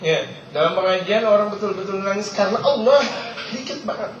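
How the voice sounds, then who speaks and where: Male preacher, high voice, explains Arabic quotes in everyday talk, roomy echo with faint ambience. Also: lively intonation, fairly quick, a little hiss or hum. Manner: reads Arabic text then explains it in casual speech; repeats key phrases for emphasis. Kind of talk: religious lecture. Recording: roomy, distant, dull lo-fi sound.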